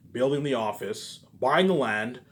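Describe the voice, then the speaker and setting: Speaking a little slowly and animatedly at a medium pitch, a man delivers a rambling, informal monologue. He repeats points emphatically, swears, and keeps tacking on questions asking for agreement.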